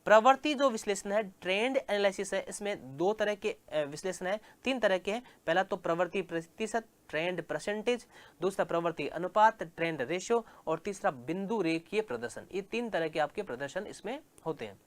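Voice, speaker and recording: A male commerce teacher, lecturing and slowly repeating key terms, asking the class questions and answering them himself. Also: high voice, lively intonation.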